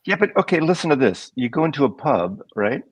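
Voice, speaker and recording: A man's voice: medium pitch, big pitch swings, fairly quick, breathy edge, dry recording. An older American man rambling through stories as co-host of a casual livestream chat. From United States. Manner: rambling storyteller, digressive.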